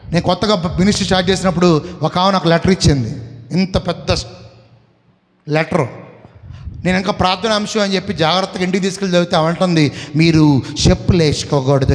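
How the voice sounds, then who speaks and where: A man's voice: high voice, steady tone, fairly quick, long pauses. A man with a Telugu accent, preaching a sermon and throwing questions to the congregation for them to answer. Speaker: pastor. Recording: long reverb of a hall.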